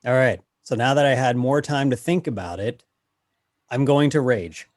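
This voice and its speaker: A man's voice: mid-range voice, lively intonation, normal speed, no echo, clean studio sound. A man chatting casually as a player in a tabletop role-playing game.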